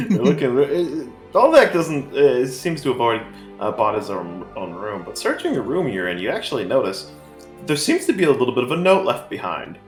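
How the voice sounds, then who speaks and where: A man's voice: mid-range voice, big pitch swings, normal speed. A man narrating as game master of a tabletop game, rambling with many fillers. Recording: echoey room with faint music.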